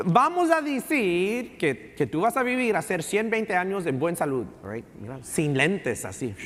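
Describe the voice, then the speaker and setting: A pastor preaching a sermon who slips into English phrases, ends many lines with a questioning "right?" and repeats key phrases for emphasis. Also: male voice, sits high, very animated, a little slow, a bit bright. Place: church sanctuary. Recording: long church reverb.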